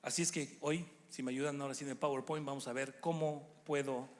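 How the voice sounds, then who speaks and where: A middle-aged man preaching a sermon as a guest speaker, lively and acting out the people he quotes. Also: medium pitch, fairly quick. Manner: animated, acts out quoted people in put-on voices. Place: church hall stage. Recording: long hall reverb.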